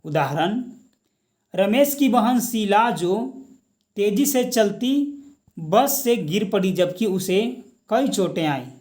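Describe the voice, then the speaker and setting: A man teaching Hindi grammar for an exam, explaining slowly, asking questions and answering them himself, and mixing English words into his Hindi. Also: high-pitched, animated, a little mellow. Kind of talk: exam-prep grammar lecture.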